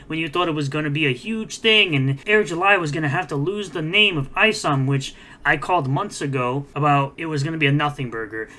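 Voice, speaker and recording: A man's voice: on the high side, bright, forceful tone. A man hosting a drama commentary, reading posts aloud and reacting to them in a mocking, scornful way. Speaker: host of a commentary video. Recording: clearly noisy background.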